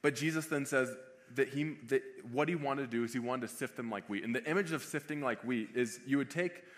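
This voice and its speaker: A man's voice: medium pitch, a little fast. A male pastor giving a conversational sermon, often restating a phrase to drive the point home.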